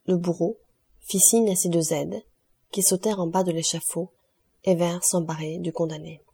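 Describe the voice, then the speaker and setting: A woman narrates a classic novel in a measured, expressive audiobook reading. Her voice is low, dark and mellow. It carries a husky grain throughout.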